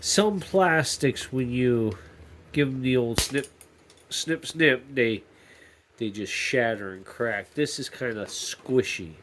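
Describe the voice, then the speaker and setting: A man hosting a maker-channel vlog in his home workshop sounds stuffed up from a cold as he jokes, rambles and interrupts himself mid-sentence. His mid-range voice is a bit bright and slow, with a little hiss or hum in the recording.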